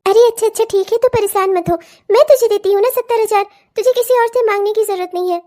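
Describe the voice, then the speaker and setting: A woman's voice: extremely high pitch, fast, dark tone. A woman voicing a coaxing, motherly but cunning middle-aged mother-in-law in a cartoon. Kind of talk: cartoon voice acting.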